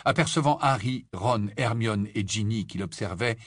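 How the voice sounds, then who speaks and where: A man narrating an audiobook in an even storytelling manner. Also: fairly low pitch, normal speed, no room sound, clean studio sound.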